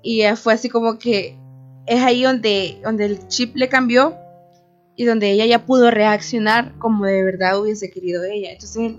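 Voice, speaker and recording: A young woman telling a spooky story in a casual, animated chat, filling her talk with "o sea". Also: on the high side, normal speed. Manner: animated, many fillers like "o sea". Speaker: radio show team member telling a story. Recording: dull lo-fi recording with faint music.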